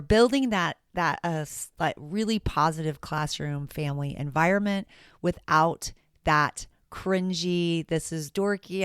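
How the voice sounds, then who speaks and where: A woman with a low, raspy-edged voice chats her way through her solo teaching podcast, casual and self-deprecating. The recording is dry and close, with no room sound at all.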